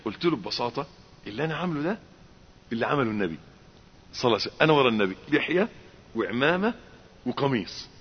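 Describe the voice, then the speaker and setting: A man with an Egyptian accent preaching with wide swings of pitch, climbing to emphatic exclamations and acting out small dialogues. His voice has a slight husk. The recording is muffled, and it rings with the long reverb of a large hall. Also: racing, pauses often, slightly rough. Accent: Egyptian Arabic. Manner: animated, rising to emphatic exclamations, acts out dialogues. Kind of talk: Egyptian colloquial sermon.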